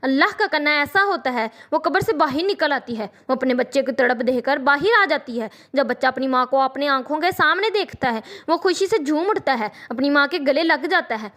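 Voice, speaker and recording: High-voiced woman telling a dramatic tale. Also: lively intonation, hardly any pauses, fairly bright tone. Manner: earnest, dramatic. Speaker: storyteller. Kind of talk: scripted narration of a moral tale.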